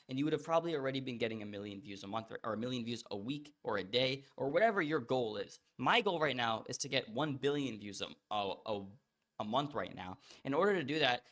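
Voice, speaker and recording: Young guy talking fast to camera, blunt hustle coach, casual slang, keeps it straight. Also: mid-range voice, a bit bright. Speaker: social media coach. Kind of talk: direct-to-camera advice monologue.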